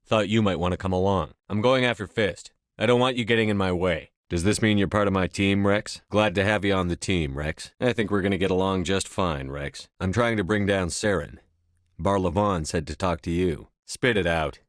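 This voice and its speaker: Man playing a deep-voiced, no-nonsense military commander. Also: normal speed, no room sound, clean studio sound, close to an everyday voice. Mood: brisk, direct. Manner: clipped, firm, formal military delivery. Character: steadfast, no-nonsense human male military starship commander. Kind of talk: video game dialogue lines.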